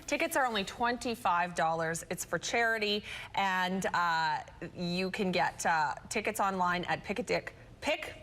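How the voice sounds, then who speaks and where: A woman's voice: lowish voice, unhurried, fairly bright tone. A woman anchoring TV news with chatty live banter, prone to giggles.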